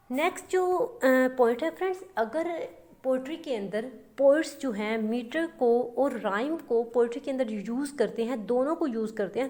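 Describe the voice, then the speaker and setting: A woman's voice: fairly high pitch, a little mellow. Woman teaching English literature. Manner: addresses listeners as friends, repeats points with frequent fillers. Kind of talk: explanatory lecture.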